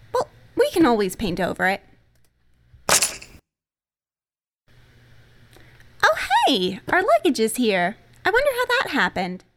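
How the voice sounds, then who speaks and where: Woman doing a bubbly young woman, teasing, lively, high voice. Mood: excited. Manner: bubbly, teasing, easily thrilled. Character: excitable, playful young woman.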